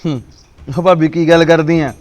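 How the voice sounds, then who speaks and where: A man acting in a village drama, teasing and bantering quickly. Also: fairly high pitch, level tone, darkish tone.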